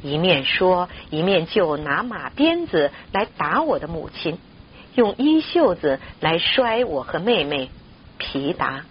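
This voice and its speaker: A woman narrating a story aloud in an expressive, steady reading voice. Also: lowish voice, takes it slowly, lo-fi sound, a little hiss or hum.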